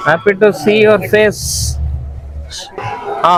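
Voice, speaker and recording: A woman, a parent narrating a vlog at her child's school and coaxing crying children in a high sing-song voice. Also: steady tone, extremely slow. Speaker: parent vlogger. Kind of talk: handheld vlog commentary. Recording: music playing loudly over the talk.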